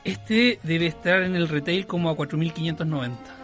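Chilean male co-host, high bright voice, very animated, faint music behind; casual chat. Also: normal speed. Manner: animated, laughs often.

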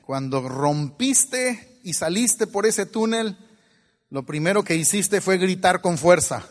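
A man's voice: high voice, expressive, slow, in a large hall. A man with a Mexican accent giving a playful motivational talk to an audience, acting out voices and laughing often. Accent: Mexican Spanish. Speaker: motivational speaker.

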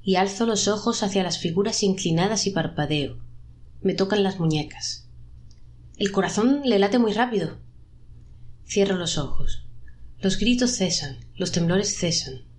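A woman narrating a dark story, voicing the trapped souls in a raised, pleading pitch. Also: animated, measured pace.

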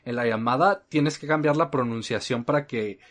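A man with a Mexican accent chatting casually. He rambles, uses frequent fillers and lets his sentences trail off softly. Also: mid-range voice, moderate pace. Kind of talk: casual chat.

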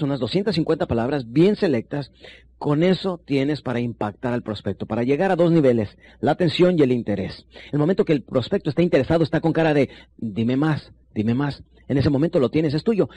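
A man teaching sales techniques, shifting between quick bursts and low, slow emphasis while speaking straight to the listener. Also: mellow, breathy edge, no echo. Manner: addresses listener directly as compañero. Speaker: sales trainer. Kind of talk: recorded sales seminar lesson.

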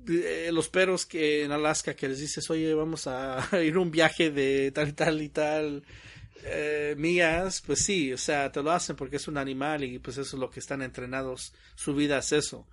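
A man's voice: on the high side, fairly even intonation, normal speed. A young man chatting casually, telling stories animatedly and acting out quoted dialogue with frequent laughs. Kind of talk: casual chat.

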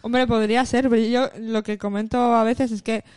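Deadpan sarcastic woman joking. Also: on the high side, normal speed, clear, resonant tone, dry recording, studio quality. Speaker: podcast co-host. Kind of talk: casual comedic chat.

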